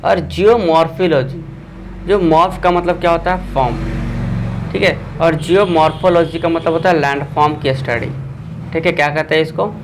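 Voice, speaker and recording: A man's voice: a little high, fairly even intonation, moderate pace, noisy background. Man teaching an online exam class. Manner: quizzing viewers with a repeated filler.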